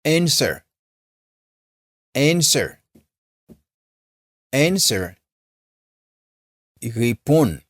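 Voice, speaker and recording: A man's voice: mid-range voice, big pitch swings, extremely slow, long pauses, fairly bright tone, no room sound, studio quality. A man with a Haitian accent teaching English vocabulary, saying each word several times and then translating it. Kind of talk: slow vocabulary drill with repetition.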